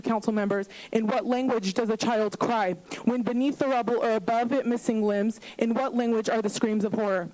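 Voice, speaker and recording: A woman giving a prepared public comment at a city council meeting, speaking in an earnest, steady and impassioned way into a podium microphone. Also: a little high, rough recording.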